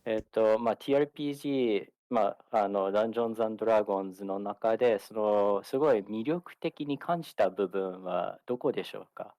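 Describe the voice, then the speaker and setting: A man working as an interpreter, giving a translation voice over of an interview in a rapid, matter-of-fact way. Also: lowish voice, mellow, no echo. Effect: translation voice over, interpreting the other speakers' words. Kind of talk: live consecutive interpreting for an interview.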